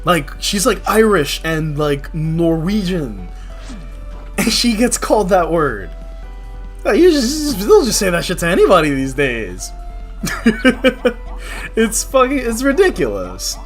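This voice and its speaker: Over background music, a young New York City man streaming games chats in a high, sing-song voice at a slow pace. He speaks candidly and casually, full of slang.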